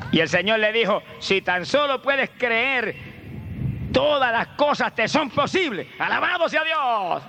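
Preacher guy, high bright voice, goes from murmuring to shouting, bit of outdoor noise. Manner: swings from low murmurs to high shouted praise. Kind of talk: fervent sermon.

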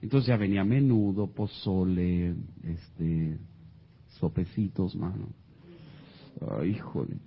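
A man speaking low and slowly, recorded with lo-fi sound, relates a funny personal story to an audience. He has a Mexican accent and is animated, performing the quoted voices of the characters.

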